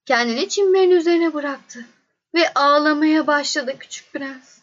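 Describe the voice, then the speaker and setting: A woman narrating a children's storybook in a gentle, measured way. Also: high-pitched, highs cut off.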